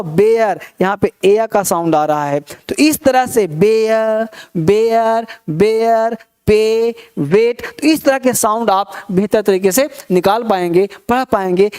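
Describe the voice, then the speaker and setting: A man teaching English pronunciation, repeating each word slowly so learners can say it along. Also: high voice, darkish tone, smooth. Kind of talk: classroom lesson.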